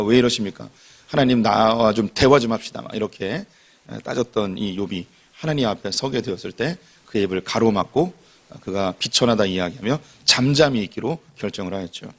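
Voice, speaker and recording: Man preaching a chatty, informal sermon. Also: mid-range voice. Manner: conversational, informal, repeats himself often. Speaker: pastor.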